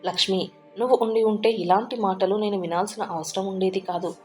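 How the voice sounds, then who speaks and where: A woman's voice: mid-range voice, fairly even intonation, a little fast, soft background music, lightly acted. A woman voicing a frail, grieving old widowed father who speaks in a tearful, trembling, pleading way. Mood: sorrowful.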